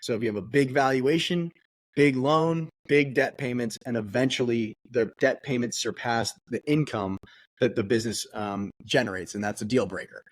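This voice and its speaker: A man co-hosting a podcast, explaining things with energy and a lot of casual slang. His voice sits at an ordinary pitch for a man, and the sound is dry and close with no room echo. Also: normal speed. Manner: energetic and slangy, uses many fillers. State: out of breath. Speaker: podcast co-host.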